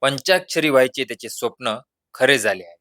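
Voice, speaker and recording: A man narrating a humorous village story in a measured, lively reading. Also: mid-range voice, dry recording, studio quality.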